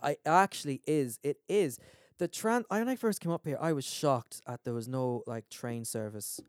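An Irish man with a clear, resonant voice of medium pitch, recorded dry. He chats casually, like a podcast host. His talk rambles and circles back emphatically, loose and sweary. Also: moderate pace, dry recording. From Ireland. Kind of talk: casual chat.

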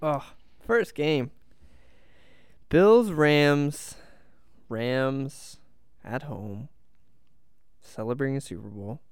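Upbeat man with a very clear voice. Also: mid-range voice, takes it slowly, long pauses, no echo, clean studio sound. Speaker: podcast co-host. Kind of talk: casual sports chat.

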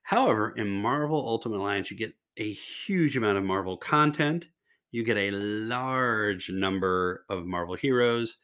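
An older man hosting a solo podcast in a casual, rambling way, sounding nasal and slightly raspy with a mild cold and laryngitis. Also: on the low side, expressive, normal speed, fairly bright tone. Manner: rambling, conversational, self-interrupting asides. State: mild laryngitis and nose congestion. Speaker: podcast host.

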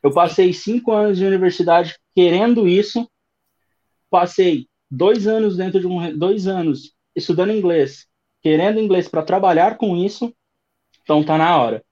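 A man in his thirties with a São Paulo accent, telling his story as an interview guest in a relaxed, rambling way. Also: high voice, normal speed, lo-fi sound. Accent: São Paulo Brazilian Portuguese. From Brazil. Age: 30s. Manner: relaxed storytelling with many fillers. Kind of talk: casual interview chat.

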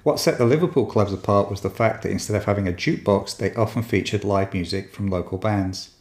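Low-voiced man narrating a history podcast. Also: brisk, darkish tone, reverberant. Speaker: podcast host.

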